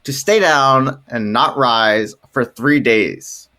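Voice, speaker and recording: Podcast co-host, casual storytelling chat, playful, jokey, wry asides, mid pitch. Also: slow pace, pushed and bright.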